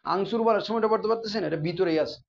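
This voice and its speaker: A man's voice: sits high, rapid-fire, vocal fry, dull audio. A man teaching a class, often asking his students questions and repeating the key terms. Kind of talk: classroom grammar lesson.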